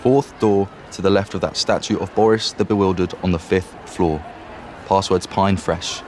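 A man voicing a friendly, confident older teenage schoolboy who talks low and confiding. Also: fairly even intonation, racing, fairly bright tone, a little hiss or hum.

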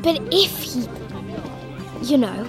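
A narrator voicing an anxious, clever schoolgirl speaking in a hushed voice. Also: extremely high pitch, big pitch swings, slow pace, vocal fry, over music, voice pushed up, exaggerated voice. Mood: nervous. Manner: hushed, nervous.

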